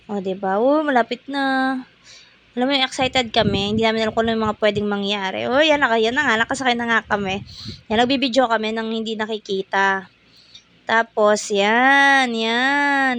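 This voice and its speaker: Young woman, slightly high voice, playful and slangy vlog narration. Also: normal speed, fairly bright tone. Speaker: vlogger, mother.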